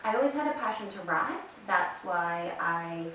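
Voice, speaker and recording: A woman's voice: lowish voice, animated, normal speed, a bit bright. Australian woman, thirties, chatty storyteller, very echoey room, distant mic, faint hiss. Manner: chatty, storytelling, many fillers. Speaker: podcast guest. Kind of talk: casual interview chat.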